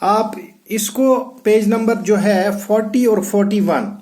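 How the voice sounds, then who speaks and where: A man's voice: high-pitched, a little slow, darkish tone. A man teaching a first-grade English phonics lesson, spelling each word letter by letter and drilling the sounds, with short English phrases mixed in. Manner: spells words letter by letter and drills pronunciations for repetition. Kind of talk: recorded phonics lesson for children.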